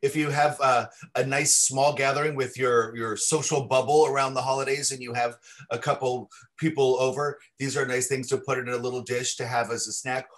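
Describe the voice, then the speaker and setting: A man's voice: mid-range voice, flat delivery, brisk, fairly bright tone. Chatty chocolatier man on a video call. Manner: enthusiastic, descriptive, with frequent restarts. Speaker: chocolatier, guest. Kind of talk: casual product chat on a livestream.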